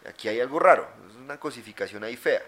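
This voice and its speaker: Crude, animated podcast guy. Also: mid-range voice, fast. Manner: crude, animated storytelling with slang. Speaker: podcast co-host. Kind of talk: casual chat.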